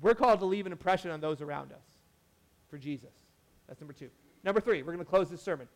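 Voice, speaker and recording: A young adult man, a pastor, giving a casual sermon in a chatty, animated way with many asides and restarts. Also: a little high, quick pace.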